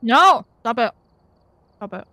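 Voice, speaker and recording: A woman in a casual streaming chat who teases and loudly denies things, swearing freely. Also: on the high side, lively intonation, no echo. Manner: teasing, quick to deny and swear.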